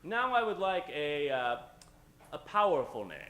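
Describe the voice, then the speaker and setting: On a stage before a live audience, a man emcees an improv show, taking suggestions from the crowd in a playful, theatrical way. His voice is on the high side, sing-song, a little slow and fairly bright, captured in a roomy live recording.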